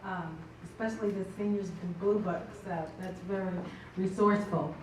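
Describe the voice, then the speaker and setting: A woman's voice: on the low side, steady tone, moderate pace. A woman moderating a seminar, chatty, with many fillers and restarts, recorded from far off in a meeting room. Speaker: event moderator. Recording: very echoey room from far off, faint noise.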